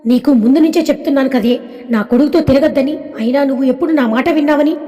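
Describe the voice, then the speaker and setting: A woman's voice: sits high, fast talker, dark tone, lightly acted. A woman voicing an arrogant, rich middle-aged mother who scolds and insults a young woman. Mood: scolding. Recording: long reverb.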